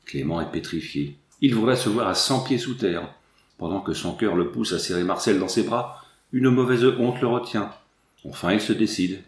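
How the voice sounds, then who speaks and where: A man narrating a story in a measured, expressive way. His voice is low, and the recording carries a roomy echo. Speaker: audiobook reader.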